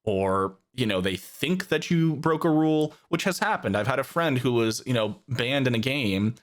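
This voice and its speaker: A man's voice: mid-range voice, expressive, moderate pace. Young man co-hosting a rambling chat. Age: young adult. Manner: rambling, searching for words. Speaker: podcast co-host. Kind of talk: casual chat.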